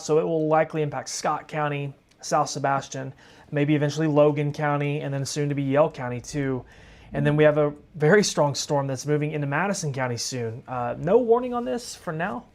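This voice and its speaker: A man's voice: on the high side, fairly quick, a little mellow. A tired man hosting live weather coverage, chatting casually and calling viewers folks. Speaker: storm-tracking livestream host.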